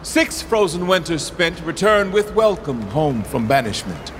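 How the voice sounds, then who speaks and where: A man's voice: fairly high pitch, expressive, measured pace. An actor playing a young, imperious medieval king, declaiming Shakespearean verse in a regal, mercurial manner. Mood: softer, condescending. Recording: long hall reverb, background noise.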